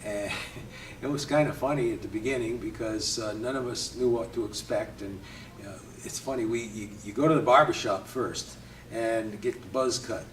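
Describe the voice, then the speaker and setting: An older man from Connecticut, a Navy veteran, reminisces in an easygoing interview, often chuckling and pausing with hesitations. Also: lowish voice, a little hiss or hum. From Connecticut, USA. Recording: roomy, distant from mic, faint ambience.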